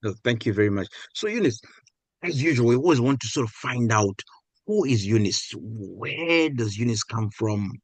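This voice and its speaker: A man's voice: mid-range voice, animated, moderate pace, no room sound. A man hosting an interview show, asking questions in a friendly, casual way with stammered starts. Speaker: podcast host. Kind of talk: interview host.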